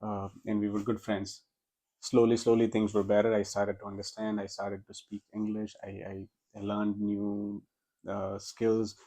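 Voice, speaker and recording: A warm, fairly low voice, unhurried and monotone, belongs to a young Gujarati-speaking man from India. As a guest on a casual podcast interview, he tells his story in an Indian accent and restarts his sentences a lot.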